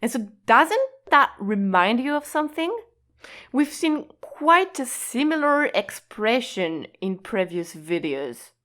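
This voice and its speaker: On the high side and a bit bright, this woman's voice takes on a sing-song quality as she teaches an online language lesson. She goes slowly and patiently through her explanations, stretching key words and giving the odd light laugh.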